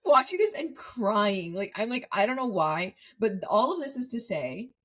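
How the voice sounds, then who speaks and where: A young woman co-hosting a casual podcast, chatting and quoting clips in lively voices. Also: fairly high pitch, moderate pace. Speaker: podcast co-host. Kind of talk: casual chat.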